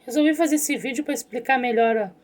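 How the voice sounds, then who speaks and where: High-voiced woman teaching. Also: fast talker. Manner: calm, patient, addresses pupils directly. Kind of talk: online lesson, reading a story aloud.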